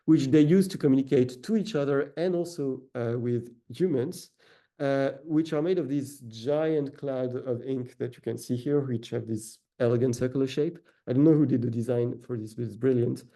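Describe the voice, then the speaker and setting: A French-accented researcher, French by first language, lectures in a warm, mid-range voice at a moderate pace. His academic talk is dotted with "uh" fillers and repeated self-corrections.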